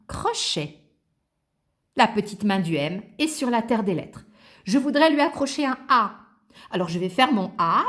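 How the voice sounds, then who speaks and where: A woman's voice: mid-range voice, fairly bright tone. A woman teacher patiently explaining cursive handwriting to young children, step by step.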